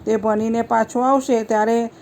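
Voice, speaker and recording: A woman's voice: a little high, level tone, normal speed, darkish tone, a little hiss or hum, close to an everyday voice. A woman voicing a stubborn elderly Brahmin wife who insists and scolds, in a devotional folk story. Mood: insistent.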